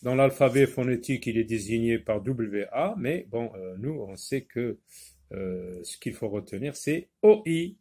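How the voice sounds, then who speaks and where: A man teaching a phonics lesson, repeating words slowly and patiently, sometimes explaining in Arabic. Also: mid-range voice, expressive, mellow, husky. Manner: switches briefly into Arabic to explain. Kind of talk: primary school phonics lesson.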